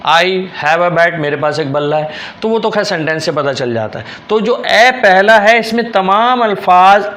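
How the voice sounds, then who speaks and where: A man's voice: sits high, fairly bright tone. A man from Pakistan with a Karachi Urdu accent, teaching a shorthand lesson, patiently repeating words and spelling them out letter by letter. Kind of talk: classroom-style lesson.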